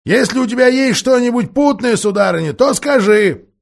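A man's voice: extremely high pitch, animated, normal speed, creaky, voice pushed up, full character voice. A man voicing a grumpy, half-deaf old male dwarf lord who grumbles and mishears words.

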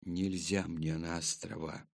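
A man voicing a frightened young convict boy in an audiobook, speaking quietly in a half-whisper. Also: lowish voice, slow, dry recording, studio quality. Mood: hushed.

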